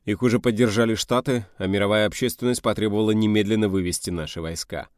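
A man's voice: lowish voice, steady tone, quick pace, darkish tone, no room sound, studio quality, lightly acted. A man reading the part of a curt, wry middle-aged army major giving orders in an audiobook. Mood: commanding.

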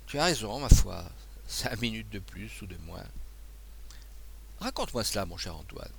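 A fretful, kindly abbé who stammers and frets aloud, as a male reader puts him on, his gravelly voice swinging lively up and down. He sounds anxious and easily flustered, a storybook priest. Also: on the low side, moderate pace, full character voice. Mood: fond.

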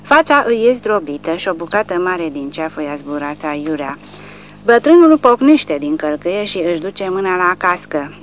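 Woman narrator with a lowish voice, measured and dramatic; dull lo-fi audiobook recording with a faint hum underneath. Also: big pitch swings. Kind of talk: scripted narration.

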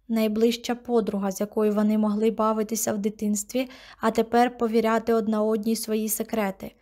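A woman narrating an audiobook with steady, measured reading. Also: medium pitch. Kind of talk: scripted narration.

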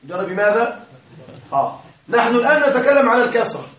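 A male grammar teacher giving a classroom lesson, patiently explaining, quizzing his students and chanting quoted verses slowly. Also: very high voice, very animated, a bit bright. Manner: recites verses in slow measured chant. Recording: echoey classroom from far off.

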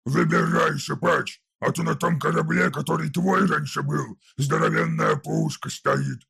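A hulking, foul-mouthed orc warlord growls his words in a deeply gravelly, throaty rasp. The voice sits a little above the storyteller's own register, with coarse, slangy delivery full of brutish mockery, like an audiobook villain. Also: a little slow, bright, forceful tone, full character voice. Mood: mocking. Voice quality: gravelly, rough. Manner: crude slangy speech. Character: huge brutish male orc warlord, crude and mocking. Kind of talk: audiobook character voice.

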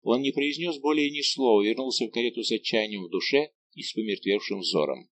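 A man narrating an audiobook in a measured, dramatic reading style. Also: mid-range voice, a bit bright, slight background noise. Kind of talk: scripted narration.

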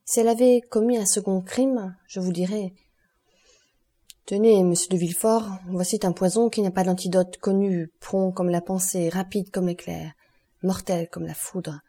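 A woman reading the part of a stern, relentless male doctor, solemn and accusing in a measured way. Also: mid-range voice, fairly even intonation, dark tone, lightly acted.

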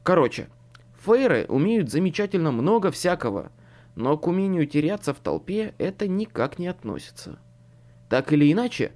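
Animated, wry male audiobook narrator. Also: a little high. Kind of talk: first-person noir narration.

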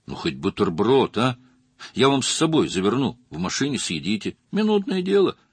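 A man's voice: mid-range voice, very animated, normal speed, breathy edge, no room sound, pitched above the performer's own voice. A man reading an audiobook, voicing a nervous, talkative young male witness who is eager to please. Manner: chatty and defensive.

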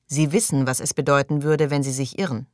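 A man's voice: medium pitch, flat delivery, a little fast, darkish tone, dry recording, clean studio sound, natural voice. A man reading an audiobook, voicing a suspicious, brooding male colonist who asks distrustful, probing questions.

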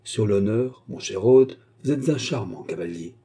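Hearty old aristocrat-hunter, boisterous and welcoming, for a storybook; a man reads him, somewhat low and dark, with a husky edge. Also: expressive, moderate pace. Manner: hearty and effusive. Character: jovial old male country nobleman and hunter.

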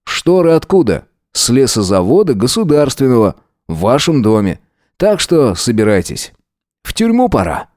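A man's voice: mid-range voice, big pitch swings, normal speed, a little mellow, no room sound, natural voice. A man reading an audiobook voices a stern Soviet police lieutenant who talks curtly and dryly. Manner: curt and dry.

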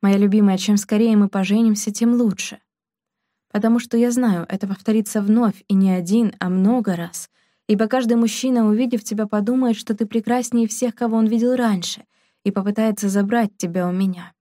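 Woman reading a protective nobleman in love, slow, ardent, mellow delivery. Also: mid-range voice, steady tone, dry recording, studio quality, close to an everyday voice. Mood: earnest. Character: passionate aristocratic man, protective lover.

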